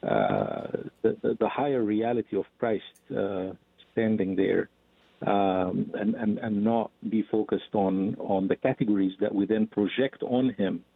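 A man speaking as a guest scholar on a call-in show, halting, with many fillers and repeated words. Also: fairly low pitch, gravelly, breathy edge, no room sound. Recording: tinny phone line, dry.

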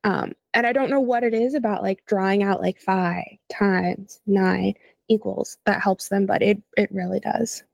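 A woman's voice: medium pitch, steady tone, normal speed, creaky, a little mellow, dry recording. A young woman who teaches math, explaining ideas in an upbeat, teacherly way during a casual chat.

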